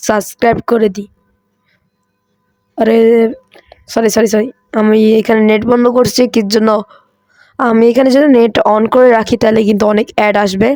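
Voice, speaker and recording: Hoarse high-pitched male gamer. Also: no echo. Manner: chatty, excitable, mixes in English phrases. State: hoarse, coughing. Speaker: gaming channel host. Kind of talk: casual mobile gameplay commentary.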